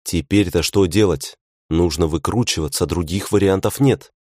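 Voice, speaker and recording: A man's voice: low voice, moderate pace, a little mellow, no echo, clean studio sound. A young man narrating a first-person fantasy audiobook in a tense, wry inner-monologue manner.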